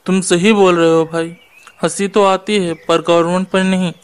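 A man's voice: high-pitched, little pitch movement, moderate pace, clear, resonant tone, natural voice. A young man acting in an amateur Hindi short film, earnestly reasoning with a friend.

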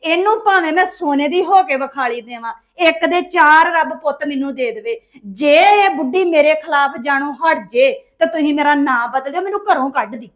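A woman's voice: high-pitched, normal speed, hardly any pauses, lightly acted. An actress playing a bitter young wife who complains about her mother-in-law in a domestic drama. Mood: aggrieved. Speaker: daughter-in-law. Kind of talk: domestic web drama acting.

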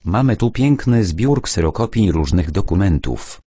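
Guy reading an older official w a stuffy cold, low husky voice, wry and unhurried. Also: lively intonation, mellow, dry recording, clean studio sound, full character voice. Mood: calm.

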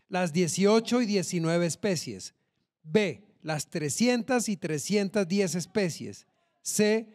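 A man's voice: high-pitched, darkish tone. A man with a Colombian accent hosting a TV game show, reading quiz questions and teasing the contestants.

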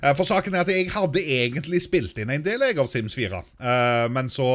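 A Norwegian man chatting casually through a let's-play, talking to his game characters and getting excitable. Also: medium pitch. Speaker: gaming YouTuber.

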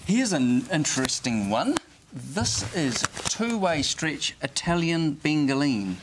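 A man's voice: on the high side, sing-song, takes it slowly, very noisy. A man with a New Zealand accent, a fabric retailer, giving a casual, enthusiastic sales presentation.

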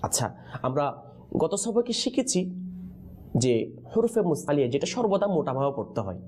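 A man teaching the pronunciation of Quranic letters in a lesson, pausing on questions so his students answer in chorus. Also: fairly high pitch, sing-song, dark tone. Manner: call-and-response teaching, prompting answers with questions.

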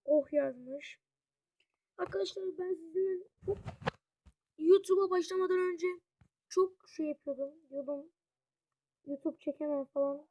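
A gaming YouTuber giving casual gameplay commentary, chatty and excitable, constantly talking straight to the viewers as friends. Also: very high-pitched, measured pace, pauses often, muffled recording. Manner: excitable, reacting out loud to the match.

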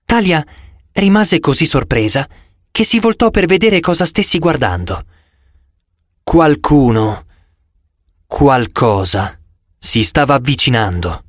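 Male storyteller, fairly high voice, lively expressive reading. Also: slow, pauses often, dry recording, clean studio sound. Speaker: audiobook narrator. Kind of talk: scripted first-person narration.

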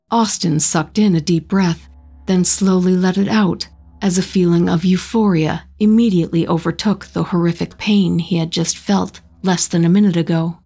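Low, husky woman narrating horror. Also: a little mellow.

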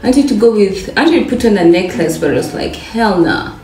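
A young woman who vlogs and bakes at home chats through getting ready, brisk, expressive and playful, often repeating herself, in a mid-range voice. She's in a bathroom with tiled walls and a glass shower, so her voice echoes and sounds distant from the camera set back across the room. Soft music plays underneath.

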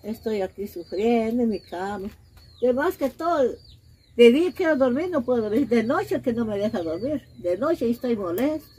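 A woman's voice: a little high, animated, normal speed, a little mellow, slightly rough. An older woman, weary and in pain, telling her story to an interviewer in a plaintive way. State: in pain, weak. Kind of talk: tearful personal account.

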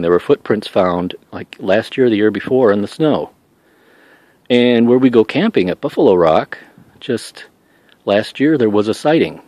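A man's voice: medium pitch, a little mellow, no room sound. A man vlogging as he walks outdoors with his dog, rambling and musing aloud with many fillers, a little out of breath. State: somewhat out of breath from walking. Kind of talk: casual walking vlog monologue.

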